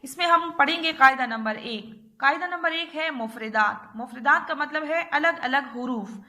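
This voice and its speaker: A woman's voice: sits high, bright, forceful tone. A woman teacher with an Urdu-speaking Pakistani accent, giving a recorded class lesson to young children and patiently drilling letter sounds. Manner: patient, repeats "theek hai" often, drills letters slowly.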